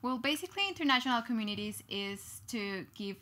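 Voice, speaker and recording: A woman's voice: fairly high pitch, animated, brisk, bright, forceful tone. A woman student from Ecuador, a Spanish native speaker, explaining earnestly in English and searching for words. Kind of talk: casual panel chat.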